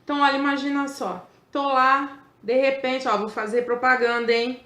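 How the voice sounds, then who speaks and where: A middle-aged woman teacher with a fairly high voice gives a relaxed grammar lesson. She jokes, teases and keeps asking her students whether they follow. The sound carries the echo of a room. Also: moderate pace, slight background noise. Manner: playful, asks the class constantly and jokes aside.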